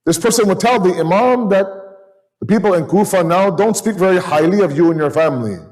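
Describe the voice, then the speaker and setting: Higher-voiced man giving a sermon. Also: fairly quick, darkish tone, rough recording. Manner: conversational, storytelling, code-switches into Urdu and Arabic terms.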